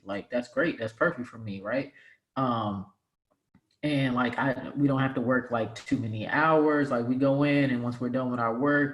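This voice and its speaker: Male guest, twenties, laid-back rambler, mid pitch, echoey room. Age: 20s. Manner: relaxed, rambling, many fillers like "like" and "right?". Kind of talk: casual interview chat. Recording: roomy, echoey room sound.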